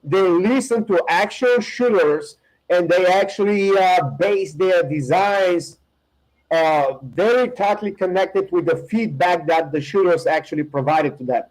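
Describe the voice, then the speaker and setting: Bulgarian-accented man, fairly high voice. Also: darkish tone, low-quality recording. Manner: halting, many fillers and restarts. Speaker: guest, firearms instructor. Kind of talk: casual podcast interview.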